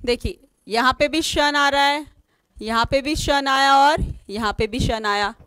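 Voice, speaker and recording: A woman's voice: high-pitched, measured pace, fairly bright tone, no room sound. A woman teaching an online exam-prep lesson, spelling words out letter by letter and asking questions she then answers herself. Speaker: English teacher.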